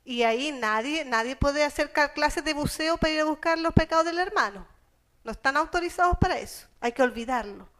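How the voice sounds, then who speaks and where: Una mujer con acento chileno predicando un sermón, que lee pasajes bíblicos y los explica en palabras sencillas y cercanas. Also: female voice, high voice, lively intonation, brisk, fairly bright tone. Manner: conversational, explains scripture in plain everyday terms; reads Bible passages aloud. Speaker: preacher. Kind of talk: sermon.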